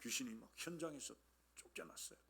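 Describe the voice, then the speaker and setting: A man's voice: mid-range voice, a little fast, vocal fry, sharp tone, husky. A middle-aged man, a pastor preaching a sermon in a church, emphatic and keen to act out the voices he quotes while he keeps addressing the congregation. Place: church sanctuary.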